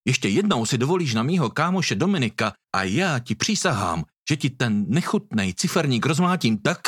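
A man's voice: mid-range voice, big pitch swings, fairly bright tone, breathy edge, no room sound, clean studio sound. A man playing a stern young protector. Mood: menacing. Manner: stern, commanding.

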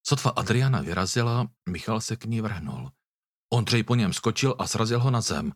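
A man narrates a storybook with a husky, slightly breathy voice. His pitch moves a lot as he tells the story. The sound is dry and close. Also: lively intonation, dry recording. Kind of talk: audiobook reading.

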